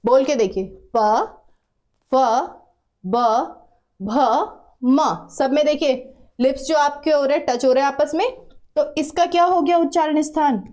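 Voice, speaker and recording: A woman's voice: high voice, steady tone, brisk, mellow. A woman teaching a grammar lesson patiently, repeating sounds and asking students to try them aloud. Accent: Uttarakhand Hindi. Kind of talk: classroom lesson.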